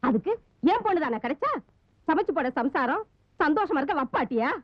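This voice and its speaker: An actress playing a fierce middle-aged mother who scolds her daughter in sharp, scornful tirades. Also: sits high, sing-song, fairly quick, no echo. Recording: dull old film soundtrack.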